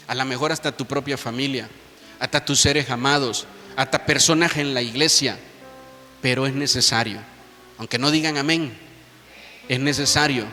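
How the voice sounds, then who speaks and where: A man preaching a sermon as a pastor, with dramatic pauses and rhetorical questions. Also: mid-range voice. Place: church sanctuary. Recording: reverberant church hall with soft background music.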